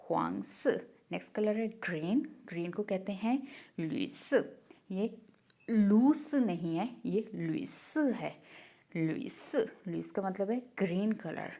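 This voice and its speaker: A woman teaching an online language lesson, speaking slowly and carefully and repeating each word to drill pronunciation. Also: lowish voice, gravelly, a little mellow.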